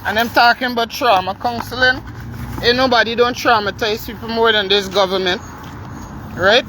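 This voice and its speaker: A man's voice: extremely high pitch, fairly even intonation, moderate pace. A man with a Guyanese accent, vlogging outdoors beside a street with heated, sarcastic rhetorical questions. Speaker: protester vlogger. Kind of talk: angry street vlog rant. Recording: loud traffic noise outdoors. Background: passing vehicles.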